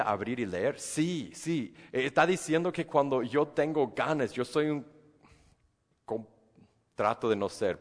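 Man preaching in an echoing hall. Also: medium pitch. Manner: earnest, acts out inner dialogue, repeats words when searching. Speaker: pastor. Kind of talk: sermon.

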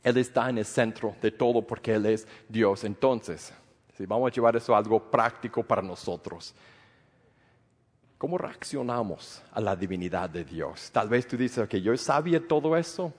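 A man's voice: fairly low pitch, normal speed, husky, big-room sound. A man preaching a sermon as pastor, earnest and full of rhetorical questions.

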